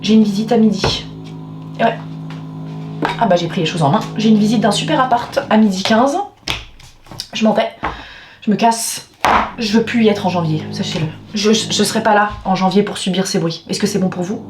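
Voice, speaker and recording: A woman's voice: medium pitch, normal speed, long pauses. Exasperated woman venting in an echoey room. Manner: exasperated, theatrical outbursts, swearing. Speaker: vlogger. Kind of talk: venting to camera, casual vlog. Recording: echoey room with faint music.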